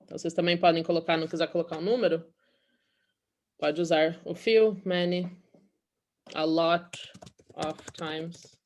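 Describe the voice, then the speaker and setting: A woman's voice: lowish voice, fairly even intonation, unhurried, pauses often, darkish tone. A woman from Brazil teaching an English class in Portuguese, explaining patiently and often checking in with "okay?".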